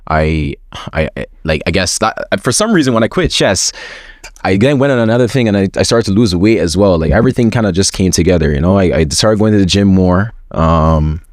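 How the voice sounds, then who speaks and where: A young man, from a school system with forms, appears as an interview guest in a casual chat, talking openly in slang and repeating words often. His low-pitched voice is expressive and brisk, captured in dry, studio-quality sound.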